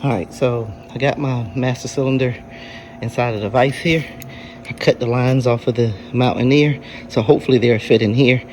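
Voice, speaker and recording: A man with a mid-pitched voice narrates a do-it-yourself car repair. He is casual and plain-spoken, going through the work step by step, and there is clear workshop noise behind him. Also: fairly even intonation, normal speed. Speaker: DIY car repair vlogger. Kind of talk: casual hands-on narration to camera. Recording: noisy workshop with vehicle-like background noise.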